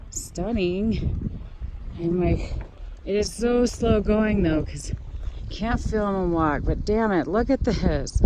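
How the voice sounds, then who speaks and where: Slow-talking woman hiker in loud wind. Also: on the low side. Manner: exclamatory, wry, cheerfully complaining, casual swearing. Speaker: long-distance hiker vlogging the trail. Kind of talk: casual trail vlog. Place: outdoors on a windy high mountain pass. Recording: loud wind noise, outdoors.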